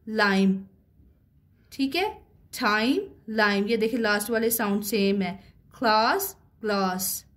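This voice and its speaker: Woman, online teacher, somewhat high voice, slow careful English reading, keeps checking "right?". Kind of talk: explaining a children's English lesson.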